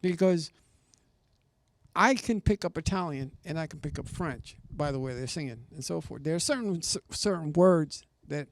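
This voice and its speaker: Hosting a cable access variety show, a man with a somewhat high voice and lively intonation chats casually with a guest at normal speed. In the studio he trades joking, boastful banter, cracking jokes that brag about himself.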